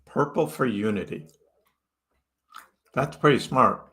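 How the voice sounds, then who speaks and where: This medium-pitched, fairly bright voice belongs to a Chicago man running a crypto livestream. He talks slowly and casually, reading viewer comments and welcoming people by name.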